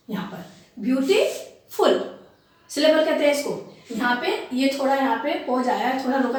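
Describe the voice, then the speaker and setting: A woman gives a classroom grammar lesson with a high voice. She explains slowly and repeats each example word. She sounds set back from the mic in a very echoey room. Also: far from the mic. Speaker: English teacher.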